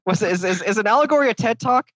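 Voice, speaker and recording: A man's voice: high-pitched, lively intonation, racing, a bit bright, no echo, poor audio. A young man co-hosting a casual podcast, telling a rambling story full of "like" and bursting into a mock English accent. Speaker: podcast co-host.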